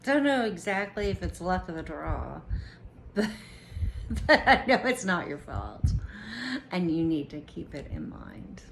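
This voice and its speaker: Slow, earnest woman speaking to camera. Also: lowish voice, big pitch swings, slight background noise, low-quality recording. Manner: earnest, slow and deliberate, with occasional restarts. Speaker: vlogger sharing her own experience. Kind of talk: personal reflective monologue to camera.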